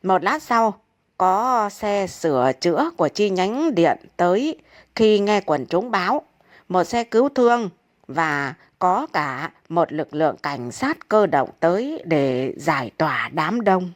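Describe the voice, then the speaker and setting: A woman reading comic stories aloud with lively, expressive narration. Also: lowish voice, slow pace. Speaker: storyteller.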